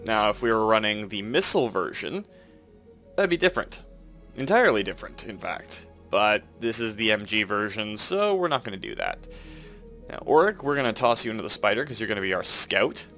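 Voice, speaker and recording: Fairly low but swinging widely in pitch, this man's voice is bright and forceful and moves a little fast. He's a let's play host with a Canadian accent and a nasal head cold, chatting casually about his moves over faint background music.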